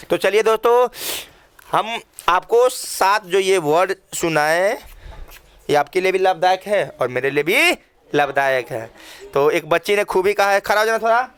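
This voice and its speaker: A man's voice: high-pitched, expressive, measured pace, fairly bright tone, clear, resonant tone. A man with a Bhojpuri-tinged Hindi accent teaching an English lesson to children in a classroom, asking questions and repeating phrases for the class.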